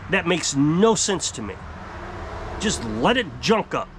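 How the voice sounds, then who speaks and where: A man's voice: on the high side, big pitch swings, slow, noisy background. A man in his fifties ranting to camera outdoors on a porch, exasperated and emphatic as he talks about his homestead life. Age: 50s. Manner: exasperated, emphatic, gesturing widely. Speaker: off-grid homestead vlogger. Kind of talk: frustrated rant to camera. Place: outdoor covered porch by woods.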